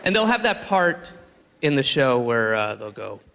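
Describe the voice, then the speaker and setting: A man's voice: medium pitch, big pitch swings, a little slow, gravelly, fairly bright tone, in a large hall. A man doing a rambling stand-up comedy set, slipping in and out of mocking voices.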